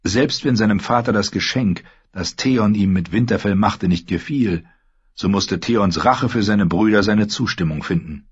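Husky-voiced male audiobook narrator. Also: on the low side, normal speed, dry recording, dull audio. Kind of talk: scripted narration.

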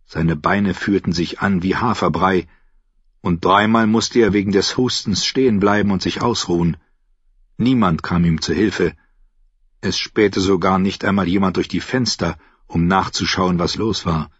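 A male narrator reads the story in a steady, measured way, with a husky voice. The recording is dry and close, with a muffled, lo-fi sound. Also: low-pitched, no room sound. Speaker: audiobook narrator. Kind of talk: scripted narration. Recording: dull lo-fi, dry.

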